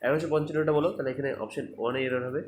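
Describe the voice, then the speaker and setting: A man's voice: fairly high pitch, steady tone, a little hiss or hum. A man with a Bengali accent teaching English grammar, explaining each point step by step and checking in with rhetorical questions. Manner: explains step by step, reads sentences out slowly, asks rhetorical checks. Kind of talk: online grammar lesson. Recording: echoey room with faint ambience.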